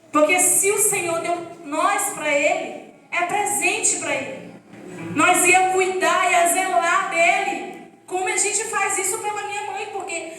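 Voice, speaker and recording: A woman with a strikingly high voice tells her personal testimony with earnest emotion before a church congregation. She sounds distant from the mic, her words ringing through a very echoey hall. Faint music sits underneath. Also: sharp tone. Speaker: church member giving a testimony.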